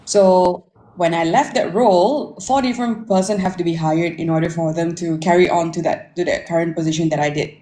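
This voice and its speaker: Speaking fairly quickly in a lowish, steady, mellow voice, a forty-year-old marketing technology consultant with a Malaysian accent chats as an interview guest about who she is and her career. She checks in with listeners, often adding "right?", and the room is echoey with faint background noise.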